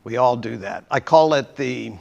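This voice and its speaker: A man's voice: medium pitch, moderate pace, vocal fry, darkish tone, lo-fi sound. A male pastor giving a sermon in a church, conversational and asking the congregation questions. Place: church sanctuary.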